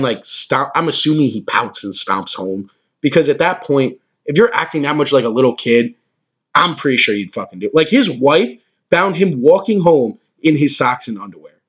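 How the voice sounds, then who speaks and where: Profane ranting man, husky lively voice. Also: medium pitch, normal speed. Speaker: podcast host. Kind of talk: crude comedic rant. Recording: dull lo-fi recording.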